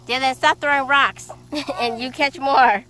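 A woman's voice: high voice, fairly even intonation, unhurried, sharp tone. A woman in her thirties, a mother filming her children fishing at a lakeshore, cheering and encouraging them. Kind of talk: family outing home video. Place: rocky lakeshore outdoors. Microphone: handheld camera.

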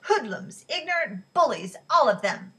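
A woman reading aloud who voices a stubborn elderly woman, with a higher, louder, scornful delivery. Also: unhurried, far from the mic. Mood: indignant. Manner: indignant, scornful.

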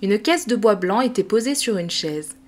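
A woman reading a classic children's novel aloud as an audiobook, with measured, clear storytelling. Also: medium pitch, animated. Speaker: audiobook reader. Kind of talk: scripted narration.

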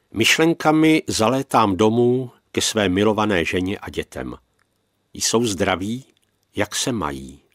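A man narrating a first-person prison memoir as an audiobook, earnest and measured. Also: fairly low pitch, fairly bright tone, no echo, studio quality.

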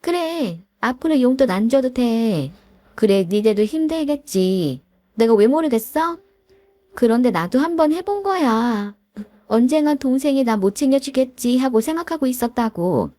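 A woman's voice: fairly high pitch, lively intonation, normal speed, mellow, dry recording, studio quality, pitched above the performer's own voice, lightly acted. A woman voicing a pushy, presumptuous older sister-in-law who talks down to her family. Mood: bossy.

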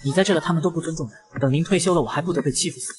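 A man's voice: on the high side, rapid-fire, close to an everyday voice. A man voicing a cunning young gang heir who taunts and mocks in a sneering way. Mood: taunting.

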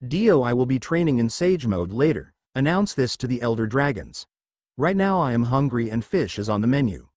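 A man's voice: medium pitch, very animated, normal speed, darkish tone, dry recording. A man voicing a cocky young male demon fighter, with a smug, teasing drawl. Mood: casual.

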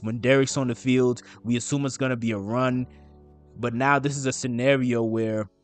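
A man hosting a fan channel, giving casual postgame commentary in a chatty way with fillers and restarts. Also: medium pitch.

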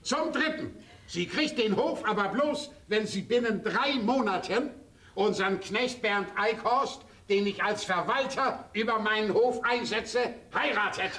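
An actor playing a sly, stubborn old farmer grandfather in a stage comedy, drawling slowly. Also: sits high, sharp tone, recorded from a distance. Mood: solemn. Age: older. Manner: drawling, slyly deliberate. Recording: stage play miked from afar, faint hiss.

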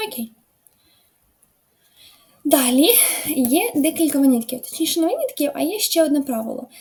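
A woman's voice: high-pitched, expressive, normal speed, darkish tone. A woman teaching a beginner English lesson online, explaining step by step in a patient way with frequent filler sounds. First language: Ukrainian.

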